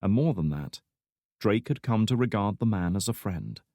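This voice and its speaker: Low-voiced man reading an audiobook. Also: animated, normal speed, warm tone, no room sound, clean studio sound. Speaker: audiobook narrator. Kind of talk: scripted narration.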